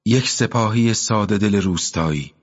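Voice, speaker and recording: A man's voice: fairly low pitch, pitched above the performer's own voice. A man voicing a proud young girl at the well. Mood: calm. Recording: muffled with long reverb.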